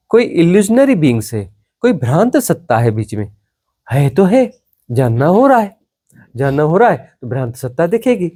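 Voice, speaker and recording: A man with a slightly high voice offers a satsang discourse in the role of a spiritual teacher. He repeats himself emphatically, lengthening his phrases and letting them trail down to a hush.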